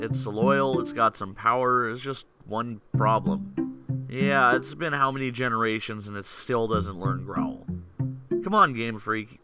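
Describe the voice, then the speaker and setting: Sarcastic man ranting over loud music. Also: medium pitch. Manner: sarcastic, lively, often raising his voice to rant. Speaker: voiceover narrator. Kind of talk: comedic scripted narration.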